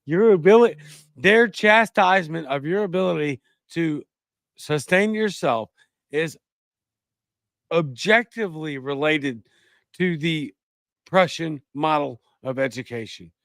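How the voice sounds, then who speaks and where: A man's voice: a little high, measured pace, creaky, a bit bright, no echo. A man hosting a political talk show, delivering emphatic, ranting commentary into a close mic. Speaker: podcast host.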